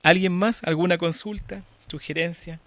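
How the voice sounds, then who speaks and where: A man with a Chilean accent teaching an online church course, talking directly to students in a lively, demonstrative way over a video call. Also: high voice, moderate pace, dry recording. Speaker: church course instructor and moderator.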